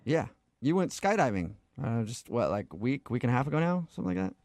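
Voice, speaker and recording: A man hosting a morning radio show, talking in a quick, teasing way. His voice is mid-pitched and recorded close and dry in the studio. He jokes easily and keeps the banter moving. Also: sing-song, darkish tone, no room sound. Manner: teasing, joking, quick delivery. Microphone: studio microphone.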